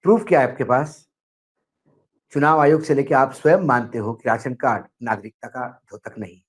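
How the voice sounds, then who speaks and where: A middle-aged man commenting on politics in an animated way, telling stories with acted quotes. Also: mid-range voice, moderate pace. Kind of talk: political discussion.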